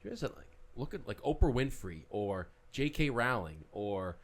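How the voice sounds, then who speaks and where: A man's voice: mid-range voice, big pitch swings, normal speed. A man hosting a podcast, chatting casually and earnestly encouraging his guest. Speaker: podcast host. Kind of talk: casual conversation.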